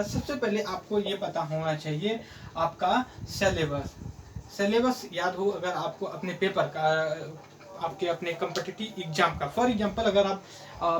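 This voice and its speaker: High-voiced man teaching, lots of uh and restarts, mic kinda far off. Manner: hesitant, many fillers and restarts. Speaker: coaching centre teacher. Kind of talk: explanatory video lesson. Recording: voice from afar, faint room noise.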